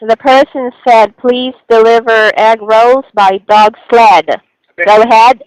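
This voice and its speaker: A woman as a smooth-voiced, polite relay operator. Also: fairly high pitch, steady tone, slow, no echo, low-quality recording. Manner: polite, formulaic phrasing. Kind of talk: reading typed relay messages aloud.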